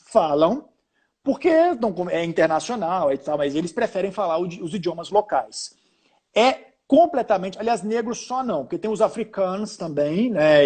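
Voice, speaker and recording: A man's voice: on the high side, a little mellow, husky. A Brazilian man with a Brazilian Portuguese accent, a journalist guest chatting over a video call, telling stories with many restarts and fillers. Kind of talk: casual interview chat.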